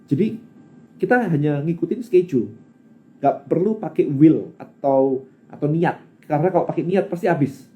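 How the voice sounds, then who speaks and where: Animated Indonesian man coaching business. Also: on the high side, normal speed. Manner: animated, rhetorical, mixes English words into speech. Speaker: business coach answering live questions. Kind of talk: casual live-stream Q&A.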